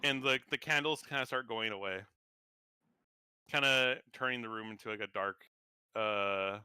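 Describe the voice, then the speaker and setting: A man's voice: on the low side, moderate pace, sharp tone, clear, resonant tone, no echo, studio quality. A man narrating as game master of a tabletop game, rambling with many fillers and restarts.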